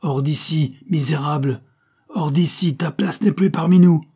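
A man voicing an indignant elderly nobleman in a read-aloud historical novel, shouting in anger. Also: mid-range voice, moderate pace, slightly rough, voice pushed up, natural voice. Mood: furious. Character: furious elderly nobleman, proud uncle.

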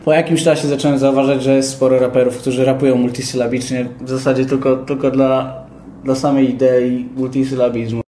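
A man's voice: mid-range voice, flat delivery, fairly quick. A young man giving a casual interview as a rapper, explaining things in a thoughtful way. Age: young adult. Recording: echoey room, faint background noise.

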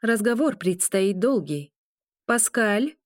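A woman's voice: medium pitch, expressive, moderate pace, a little mellow, dry recording, clean studio sound, pitched above the performer's own voice, lightly acted. A woman doing a mocking, bossy witch. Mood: teasing. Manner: teasing, commanding.

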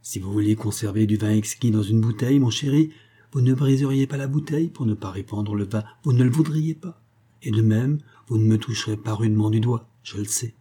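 A man's voice: on the low side, a little fast, mellow, slightly rough. A man reading a storybook aloud, voicing a cunning, spiteful old grandmother who coaxes and wheedles. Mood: wheedling. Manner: wheedling, calls everyone dear.

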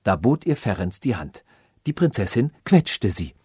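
A man narrating a science fiction fairy tale audiobook in a measured storytelling manner. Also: fairly low pitch, sing-song, mellow, husky, no room sound, clean studio sound.

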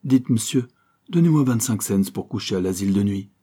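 A man's voice: on the low side, lively intonation, fairly quick, dark tone, slightly rough. A man reading an audiobook, voicing a male tramp with familiar, street-style talk. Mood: cheerful. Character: male tramp, old friend, cheerful.

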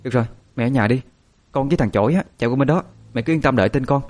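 A man voicing a spirited young woman of nineteen, speaking high and urgent. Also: rapid-fire, darkish tone, natural voice. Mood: hurried.

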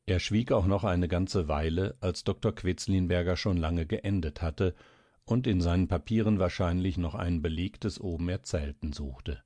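A man reading a classic novel aloud as narrator, in a measured, even storytelling manner. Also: low-pitched, dry recording.

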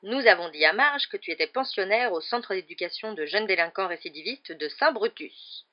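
A reader voicing a fat, bullying middle-aged uncle who shouts sternly and menacingly, in a dull lo-fi recording. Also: medium pitch, expressive, moderate pace, lightly acted. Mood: furious.

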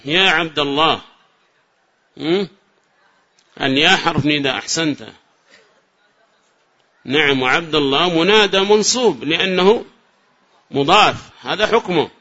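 A man from Yemen teaching a class as a sheikh. He quizzes his students, repeats each example slowly and with emphasis, and praises correct answers. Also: on the high side, pushed and bright. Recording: dull lo-fi lecture recording.

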